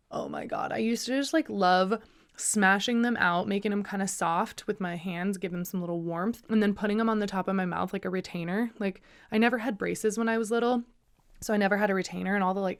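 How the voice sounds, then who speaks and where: A woman's voice: mid-range voice, vocal fry. A young woman hosting a solo podcast, talking in a chatty, bubbly way with lots of asides. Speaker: podcast host. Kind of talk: casual solo podcast chat.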